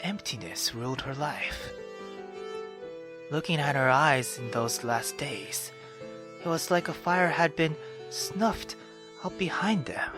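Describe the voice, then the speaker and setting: Speaking slowly in a fairly high voice over background music, a man plays through a visual novel, reading it with theatrical flair. Between lines he breaks into relaxed, expressive commentary full of swearing.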